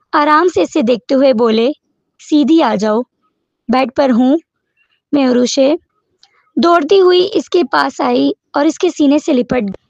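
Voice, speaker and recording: A woman narrating a romance novel in a steady reading voice, in a dull lo-fi recording. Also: sits high, no echo. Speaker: audiobook narrator.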